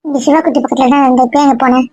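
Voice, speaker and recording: A woman acting as a sulky, stubborn woman in a homemade family drama, with a high voice and quick, grumbling delivery. The recording is dull, dry and lo-fi. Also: fairly even intonation, warm tone, no room sound. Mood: pleading. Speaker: actor in a family comedy-drama skit. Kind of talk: casual web-series acting.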